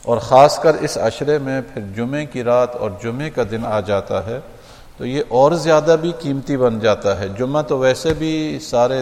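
A man gives a steady, explanatory talk to his congregation as an imam, pausing now and then on short fillers. His voice sits at an ordinary middle pitch. The sound carries a long reverb from a large prayer hall. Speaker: imam giving a mosque talk.

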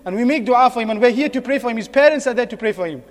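Speaking very fast, a man with a high voice preaches a sermon in an echoing mosque hall. He is earnest and exhorting, repeating phrases and posing rhetorical questions, with long hall reverb on the recording.

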